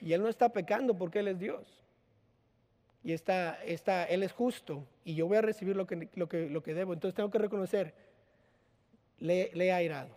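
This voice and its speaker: Preaching at a normal speed, a pastor with a mellow voice that sits high for a man mixes personal anecdotes and small acted-out lines into a relaxed, conversational sermon. Each phrase fades into a long hall reverb.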